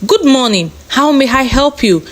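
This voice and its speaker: A woman's voice: high voice, moderate pace. A woman voicing a polite, obedient female household robot. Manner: polite, even, dutiful.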